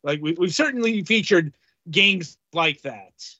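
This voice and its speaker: A man co-hosting a casual game-review podcast, talking haltingly with many fillers. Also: fairly high pitch, expressive, sharp tone, dry recording, highs cut off. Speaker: podcast co-host reviewing games.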